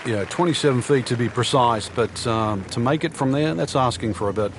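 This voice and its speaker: A man giving conversational golf commentary as the analyst, unhurried and explanatory with dry understatement. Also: medium pitch, noisy background, close to an everyday voice.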